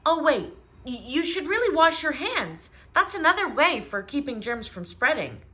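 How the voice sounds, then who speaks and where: A woman voicing a sensible, caring mama bear who gently instructs her family in a storybook read-aloud. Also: sits high, big pitch swings, normal speed, pitched above the performer's own voice, full character voice. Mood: coaxing.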